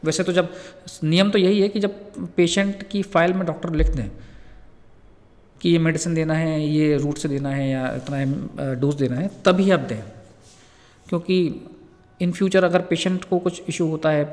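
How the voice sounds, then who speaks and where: A man gives a nursing lecture in a fairly high voice. He reads each English point slowly before explaining it in everyday words. His voice rings out in a long-reverb room. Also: steady tone, darkish tone. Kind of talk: Hindi lecture explaining from slides.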